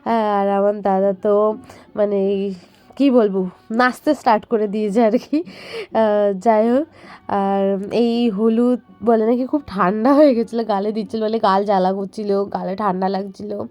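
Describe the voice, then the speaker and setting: Hoarse young woman with a cold. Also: medium pitch, steady tone, measured pace, a little mellow, no echo, soft background music. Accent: Bengali. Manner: chatty, rambling, many fillers. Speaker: vlogger. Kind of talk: casual voice-over narration.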